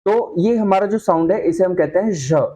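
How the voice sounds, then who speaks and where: A man's voice: high voice, dark tone. A man teaching a shorthand class, explaining patiently and often checking that the students follow. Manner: patient, checks understanding with repeated questions; spells out example sounds slowly. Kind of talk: whiteboard lesson explanation.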